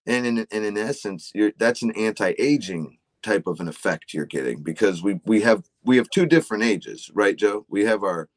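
Speaking with hardly any pauses, this supplement company guest, a man in his forties, walks through health concepts conversationally, tagging many points with "right?" The pitch is fairly low, the intonation lively and the pace moderate, with no room sound.

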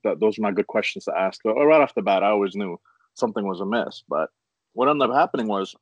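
A man's voice: lowish voice, animated, quick pace, dry recording, muffled recording. A man from Afghanistan hosting a casual conversation, curious and thoughtful, often restarting his sentences.

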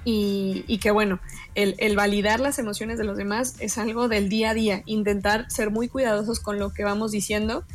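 A woman, a guest expert explaining emotions in calm conversation, measured and pausing to repeat her words. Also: medium pitch, soft background music.

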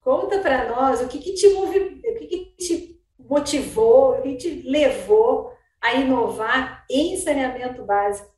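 A woman's voice: sits high, a little slow, a little mellow. A woman hosting an interview, introducing her guest in an admiring, formal way. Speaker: interview host. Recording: roomy, distant from mic.

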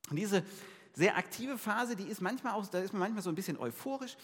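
A man's voice: high-pitched, fairly quick, husky. Casual-sounding male preacher in a reverberant hall. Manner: casual, conversational preaching with lively asides. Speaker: pastor. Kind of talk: sermon.

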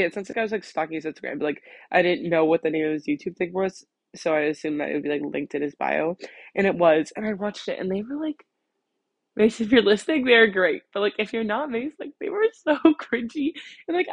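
A teenage American girl chats casually on her podcast with a slight lisp from her retainers. Her voice is husky with plenty of vocal fry, captured close and dry. She rambles in a giggly, self-conscious way, leaning on "like" constantly. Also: fairly low pitch, no echo. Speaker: podcast host. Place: in bed at home.

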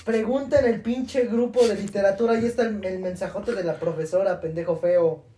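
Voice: mid-range voice, steady tone, brisk, background noise. A Mexican speaker in casual, slang-heavy banter with friends, swearing freely and teasing crudely. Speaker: prank-call podcast host.

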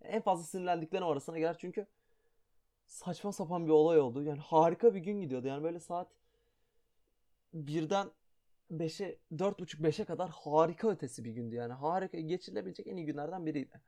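A man's voice: fairly high pitch, quick pace, warm tone. A young man ranting casually to his viewers, blunt and exasperated, swearing now and then. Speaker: vlogger. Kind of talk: casual rant.

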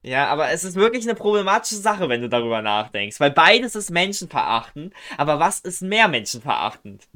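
A young man chatting loosely and excitably with a friend, dropping slang. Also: a little high, brisk, hardly any pauses. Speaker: co-host. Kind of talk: casual chat.

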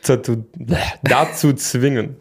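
A man's voice: mid-range voice, fairly even intonation, slow, breathy edge. A young man co-hosting a casual podcast, joking and laid-back, often trailing off mid-sentence. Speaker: podcast co-host. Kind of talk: casual chat.

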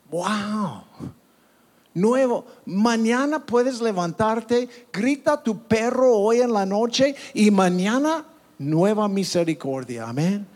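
A man preaching a sermon as pastor, calling out amen often and stumbling over words. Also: high-pitched. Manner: animated preaching with frequent call-outs of amen; stumbles and restarts words, laughs at own slips.

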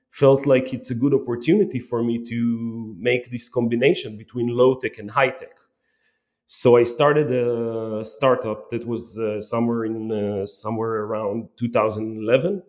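A man, a company marketing chief, telling his story as an interview guest, often halting and restarting phrases. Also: medium pitch, a little mellow.

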